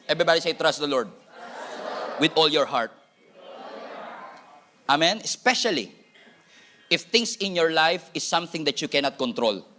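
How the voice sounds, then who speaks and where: Man, Filipino accent, pastor, energetic sermon, high voice, bright ringing tone. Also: a little hiss or hum. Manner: energetic preaching, switching between Filipino and English, playful asides.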